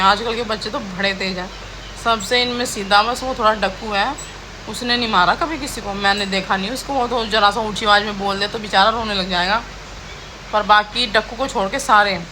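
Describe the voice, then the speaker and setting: A woman's voice: mid-range voice, background noise. A young woman, a mother, chatting casually in a home vlog and scolding her children now and then. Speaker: vlogger and mother. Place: home kitchen and rooms.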